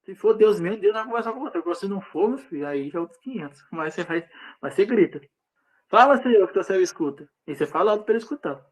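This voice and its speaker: Brazilian man, high-pitched, informal lay preacher; earnest, repetitive, loose devotional delivery. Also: lively intonation, very fast. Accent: Brazilian Portuguese. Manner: earnest, rambling, repeats himself, acts out shouted prayers.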